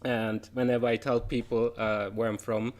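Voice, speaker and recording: A man's voice: mid-range voice, level tone, moderate pace. A man, giving an informal presentation about his game development career, chatty and full of "uh" fillers. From Germany. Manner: chatty, with frequent "uh" fillers and light laughs. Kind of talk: informal conference talk.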